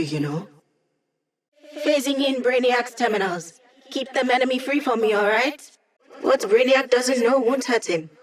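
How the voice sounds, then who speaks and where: A woman's voice: mid-range voice, lightly acted, poor audio. A young hacker ally from a video game, played by an actress. She is playful and wry. Her delivery is casual, full of teasing asides. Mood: focused, brisk.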